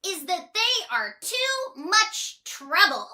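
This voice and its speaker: A woman's voice: very high voice, big pitch swings, takes it slowly, bright, forceful tone, voice pushed up, exaggerated voice. A woman voicing a mischievous little female troublemaker from a storybook, scheming and exclaiming in a sing-song way. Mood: fed up.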